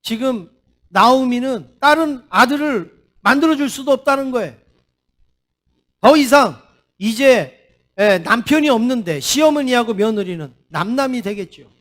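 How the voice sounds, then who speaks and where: Korean pastor, high-pitched male voice, emphatic church sermon with repeated phrases. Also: expressive, a little slow, fairly bright tone. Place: church sanctuary.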